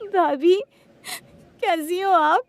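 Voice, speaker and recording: A woman's voice: very high voice, fairly even intonation, a little slow, a little mellow. A woman voicing a young, suffering wife in a cartoon story, talking in a pleading, tearful way. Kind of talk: Hindi cartoon story voice acting.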